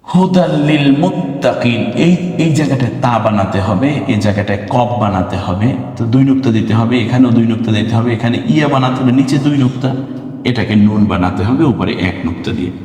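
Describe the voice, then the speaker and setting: A man's voice: mid-range voice, quick pace, darkish tone. A man teaching Quran reading over slides, patient and explaining step by step with examples, with a Bangladeshi Bengali accent. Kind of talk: online slide lesson. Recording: very echoey room with long reverb.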